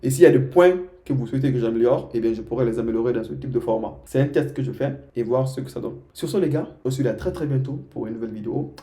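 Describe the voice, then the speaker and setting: A young man from Guinea gives casual, direct-to-camera language tips to his viewers, repeating himself a lot and checking in with "ok?". His voice is medium-pitched and dark, delivered at a quick pace with few pauses.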